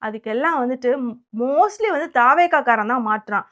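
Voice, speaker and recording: A woman's voice: sits high, animated, moderate pace, a bit bright, highs cut off. A woman delivering a combative political commentary monologue, sarcastic and scornful, firing rhetorical questions at her target. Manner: sarcastic and combative, mockingly quoting opponents.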